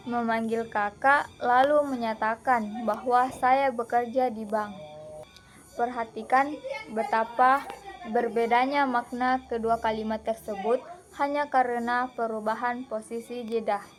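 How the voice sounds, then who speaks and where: Young woman from Indonesia, student presenter, slightly high voice, measured read-aloud lesson delivery. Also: steady tone, faint music behind. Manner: measured, deliberate reading with pauses.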